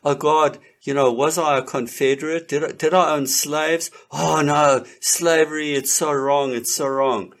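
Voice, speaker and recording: A man's voice: medium pitch, monotone, measured pace, few pauses, voice pushed up, close to an everyday voice. A man voicing an anxious, groveling man who keeps stammering apologies and begging forgiveness. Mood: pleading. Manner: pleading, flustered, stammering apologies.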